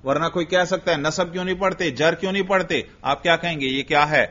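A man's voice: on the high side, pushed and bright. A man teaching an Arabic grammar lesson, firing questions at his students and answering them himself. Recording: dull lo-fi recording.

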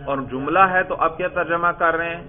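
A man teaching Arabic grammar to a student, asking questions and slowly repeating the correct answers. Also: on the high side, steady tone. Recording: tinny phone-like lo-fi audio.

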